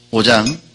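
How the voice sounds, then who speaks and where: A man preaching a sermon, animated and emphatic, building to loud repeated appeals. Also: mid-range voice, breathy edge. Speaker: pastor.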